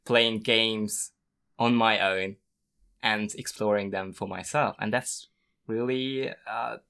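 A man's voice: fairly low pitch, fairly even intonation, takes it slowly, pushed and bright, smooth. A man chatting casually, speaking earnestly with hesitant restarts. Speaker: conversation guest. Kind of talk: casual conversation.

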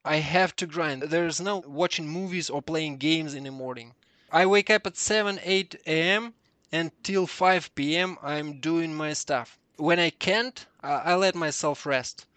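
A man from southern Russia with a Russian accent, talking casually and earnestly as an interview guest in emphatic, slightly halting non-native English. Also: fairly high pitch, a bit bright, dry recording. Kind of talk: casual conversation.

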